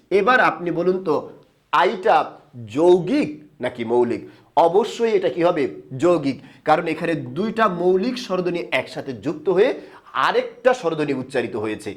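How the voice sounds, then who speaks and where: A man teaching a grammar lesson on video, asking questions and then answering them himself, and drawing sounds out slowly for the viewer to repeat. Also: on the high side. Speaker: Bengali grammar instructor.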